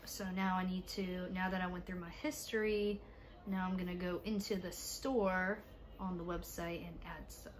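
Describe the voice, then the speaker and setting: A young woman with a raspy, stuffy voice from allergies, chatting casually to viewers in a home vlog, tired. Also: lowish voice, little pitch movement, moderate pace, a little hiss or hum. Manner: chatty, talks to viewers while ordering online. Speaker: vlogger, mother. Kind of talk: casual day-in-the-life vlog. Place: home, indoors.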